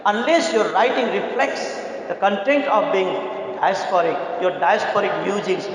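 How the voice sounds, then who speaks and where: A man from Nepal speaking, giving a formal, measured talk as a literary critic on a festival panel. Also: sits high. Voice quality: measured, deliberate delivery with pauses. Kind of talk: formal conference speech. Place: large conference hall. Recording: very echoey hall, faint noise.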